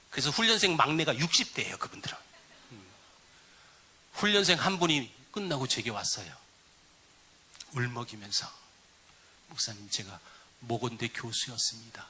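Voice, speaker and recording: Middle-aged male pastor, sermon delivery, slightly high voice, animated storyteller. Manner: lively storytelling preacher, dropping to hushed tones for quotes.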